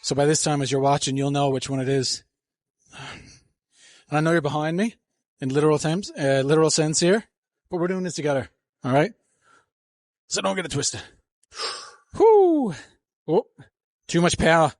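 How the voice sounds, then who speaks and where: This fitness vlogger's voice is fairly high, and he talks fairly quickly but leaves long pauses. He talks through his workout casually into a handheld mic, coaching, rambling and panting between sets, with no echo on the recording.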